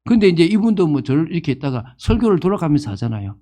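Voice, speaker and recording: A man's voice: a little high, very animated, fast talker, warm tone. A man in his fifties preaching a sermon as pastor, asking the congregation questions and acting out the people he quotes. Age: 50s.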